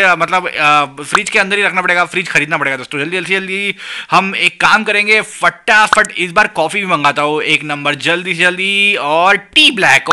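A man hosts his gaming channel. His voice sits high, with a sharp, very bright edge. He rattles through hurried, excitable commentary on the game and repeats words in quick bursts. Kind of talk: live gameplay commentary.

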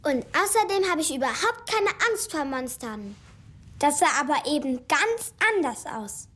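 A woman voicing a confident young girl mouse in a children's cartoon, self-assured, teasing and quick to scold. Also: sits high, expressive, fairly bright tone. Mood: indignant.

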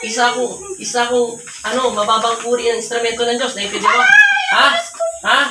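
A woman's voice: a little high, little pitch movement, fast talker, raised voice. A woman folk healer performing an exorcism, commanding and taunting a spirit and repeatedly ordering it to leave. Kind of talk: forceful spoken exorcism ritual. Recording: echoey room, mic from far, audible background noise.

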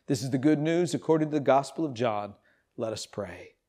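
A man in his fifties, a pastor, preaching and reading scripture in an animated storytelling way, in an empty church. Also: mid-range voice, fairly quick. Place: empty church sanctuary, indoors.

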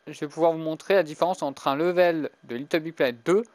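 A man's voice: on the high side, steady tone, fast talker, a little mellow, dry recording. A young man musing through gameplay commentary as a gaming YouTuber, hesitant and chuckling to himself. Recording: music playing behind.

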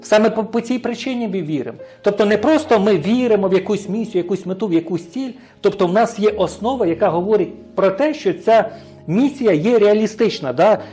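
High-voiced Ukrainian pastor preaching. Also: male voice, expressive, brisk, dark tone, soft background music. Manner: asks the congregation questions and answers them himself; hesitant, restarts words. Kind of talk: sermon.

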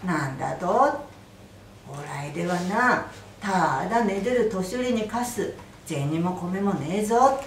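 Stingy rich man, put on by a woman storyteller, harsh and loud, Aizu Fukushima dialect, echoey room. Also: mid-range voice, animated, brisk, hardly any pauses, slight background noise, natural voice. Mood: angry. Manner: harsh, shouting. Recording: roomy hall from a distance.

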